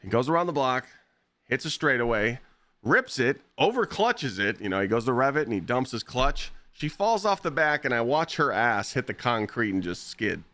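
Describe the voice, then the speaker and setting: A man streaming live, telling blunt, profane stories in a casual, animated way. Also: medium pitch, moderate pace, no room sound. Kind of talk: casual storytelling while gaming.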